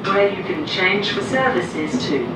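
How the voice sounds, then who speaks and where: An automated onboard train announcement, spoken slowly with a lot of rise and fall in the pitch. It comes through the carriage speakers with heavy echo and sounds distant from the mic. Loud train noise rumbles underneath. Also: animated. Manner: slow, measured, clearly spaced delivery. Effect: automated onboard train announcement over speakers. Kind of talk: pre-recorded passenger announcement. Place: inside a moving train carriage.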